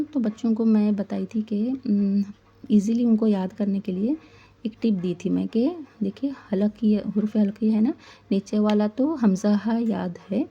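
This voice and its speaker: A woman's voice: medium pitch, creaky, breathy edge, dull audio. A woman teaching Quran recitation rules, who asks her listeners questions and then answers them herself, explaining patiently. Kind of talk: tajweed lesson.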